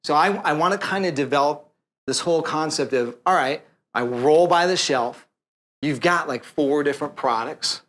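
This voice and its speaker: A man's voice: fairly high pitch, moderate pace, fairly bright tone. A man hosting a casual interview, talking loosely and with slang, often restating his guest's points. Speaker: host.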